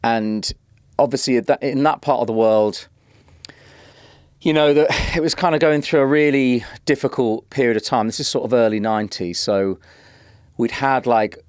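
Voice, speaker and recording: A man's voice: mid-range voice, moderate pace, clean tone, no room sound. Man from Northeast England, dry studio mic. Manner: animated, rambling anecdotes with many restarts. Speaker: guest, drum and bass producer. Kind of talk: casual storytelling. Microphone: podcast studio mic.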